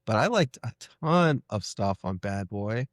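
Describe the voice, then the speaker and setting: A podcast host chats with his guest in a casual interview, enthusiastic and animated, acting out quotes as he goes. His voice is lowish and unhurried, recorded at studio quality with no room sound.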